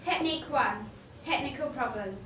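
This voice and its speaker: A woman's voice: high-pitched, expressive, normal speed, noisy background. A woman giving a humorous prepared speech to an audience, playfully acting out little scenes. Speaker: student speaker. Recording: echoey hall, mic far off, audience.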